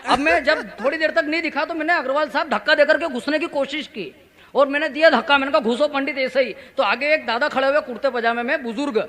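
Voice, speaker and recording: High-voiced man doing stage comedy. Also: fast. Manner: animated, acts out quoted voices, playful audience asides. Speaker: stand-up comic poet. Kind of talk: humorous stage storytelling. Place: stage before a live audience. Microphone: stage microphone.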